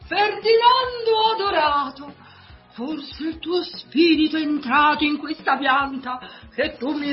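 A woman's voice: high voice, highs cut off. An actress playing a fussy, doting elderly aunt who gushes over her plant and then scolds furiously. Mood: ecstatic. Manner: gushing, exclaiming, then scolding.

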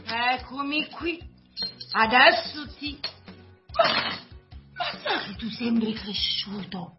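A woman's voice: on the high side, big pitch swings, slow, lo-fi sound, faint music behind, exaggerated voice. An actress playing a fussy, doting elderly aunt who gushes over her plant and then scolds furiously. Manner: gushing, exclaiming, then scolding.

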